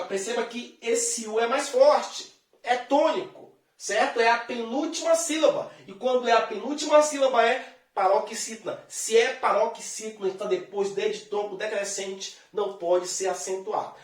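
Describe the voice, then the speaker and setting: A Portuguese teacher with an extremely high-pitched voice gives a grammar lesson, lively and chatty, addressing the viewer directly and pulling them along. He draws out the example words as he explains them. A distant mic picks him up in a roomy, echoing space.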